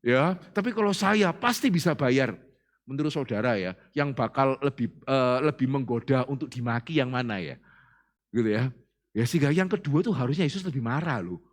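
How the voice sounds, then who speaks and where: A man's voice: medium pitch, lively intonation, normal speed. A man preaching a sermon as pastor, often asking his congregation questions.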